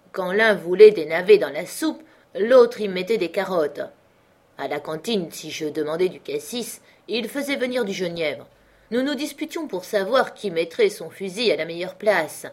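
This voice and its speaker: A woman reading the part of a quarrelsome old army sergeant who tells a lively barrack-room anecdote, in a slightly husky voice. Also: fairly low pitch. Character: old soldier sergeant, boastful and quarrelsome man.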